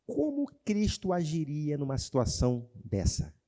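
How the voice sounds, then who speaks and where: A male pastor preaching a sermon in church, calling out questions to the congregation and moving between loud exclamations and quiet, low passages. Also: a little slow. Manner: animated preaching, calls out to the congregation, shifts between shouting and quiet.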